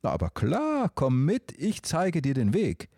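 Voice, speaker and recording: A man's voice: fairly high pitch, huge pitch swings, measured pace, no room sound, studio quality, voice pushed up, exaggerated voice. A man voicing a cheerful, cheeky male dove in a storybook reading, with a chirpy manner. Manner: bright chirpy, bossy when annoyed.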